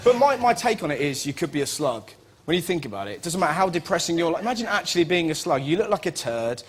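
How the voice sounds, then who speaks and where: Lively comedian in his twenties. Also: a little high, quick pace, background noise. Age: 20s. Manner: animated storyteller, acts out the people in his stories. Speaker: comedian guest. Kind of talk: talk show interview anecdotes. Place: television studio.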